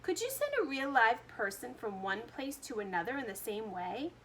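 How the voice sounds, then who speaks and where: A woman voicing a brash, overexcited young boy who shouts eagerly in a storybook reading. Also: a little high, sing-song, normal speed, a little hiss or hum.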